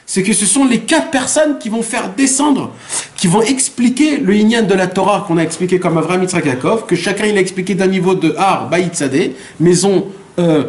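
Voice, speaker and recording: A rabbi with a high-pitched male voice gives a Torah class. He keeps asking rhetorical questions and answering them, repeating phrases to drive each point home and weaving Hebrew terms into his teaching.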